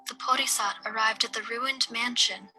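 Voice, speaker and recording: Storyteller: woman with a very bright, fairly high voice, reading a fable. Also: soft background music, rough recording. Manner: steady, measured storytelling. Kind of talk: reading a folk tale aloud.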